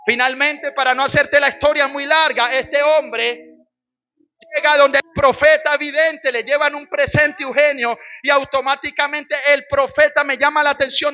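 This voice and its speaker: A Colombian pastor with a Colombian Spanish accent preaches a sermon, his lively storytelling rising into shouted exhortation. His voice is very high-pitched, and the audio sounds dull.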